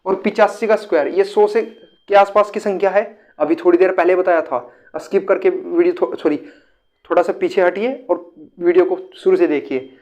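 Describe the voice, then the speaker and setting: A man's voice: high voice, steady tone, moderate pace, a little mellow. A man teaching a step-by-step math lesson, often repeating himself and calling his viewers friends.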